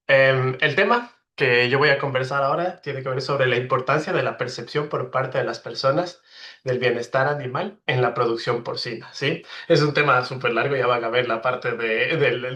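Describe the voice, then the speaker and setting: A man's voice: mid-range voice, sharp tone. Ecuadorian vet in his thirties, webinar speaker, friendly and explanatory, video call audio. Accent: Ecuadorian Spanish. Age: 30s. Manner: friendly, explanatory, with frequent tag questions. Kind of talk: online presentation.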